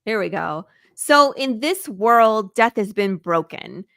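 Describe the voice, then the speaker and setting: A woman from Michigan with a Midwestern American accent chats eagerly as a comic creator guest in a casual interview, laughing often. Her medium-pitched voice is fairly bright, slow, and lively in intonation, recorded in studio quality with no echo.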